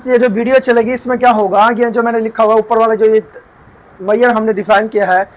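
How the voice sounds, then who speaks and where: High-voiced man teaching a math lesson. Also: level tone, a little fast, rough recording. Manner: explains step by step, repeats and asks himself questions. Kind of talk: whiteboard math lecture. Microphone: camera mic while writing.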